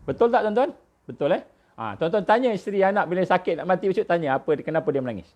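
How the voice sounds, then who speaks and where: A man's voice: sits high, lively intonation, quick pace. A man preaching a storytelling sermon with a Malaysian Malay accent, dramatic and repetitive, addressing his audience directly, on a dull lo-fi recording.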